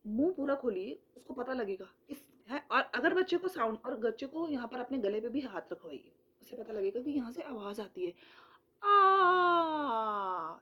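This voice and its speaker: A woman in her thirties, a mother giving earnest home speech tips in a casual vlog, stretching out sounds slowly to demonstrate them. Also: a little high. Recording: dull lo-fi sound.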